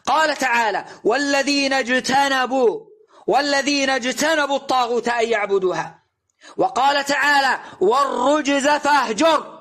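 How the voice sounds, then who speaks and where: Male preacher, very high bright voice, insistent and rhetorical. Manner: insistent, rhetorical questioning, emphatic recitation. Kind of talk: recorded religious lesson.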